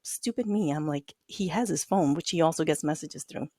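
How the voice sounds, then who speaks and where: A woman's voice: normal speed, no room sound, studio quality. A woman chatting casually on a podcast with her cousin, telling stories animatedly and acting out the quotes. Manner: animated storyteller, acts out quotes in high voices. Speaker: podcast co-host. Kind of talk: casual chat between cousins.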